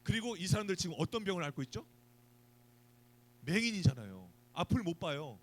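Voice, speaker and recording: A man's voice: high-pitched, fairly quick, low-quality recording. A man preaching a youth sermon, asking the students questions and acting out little scenes. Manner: animated, asks the students questions, acts out scenes. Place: church youth service.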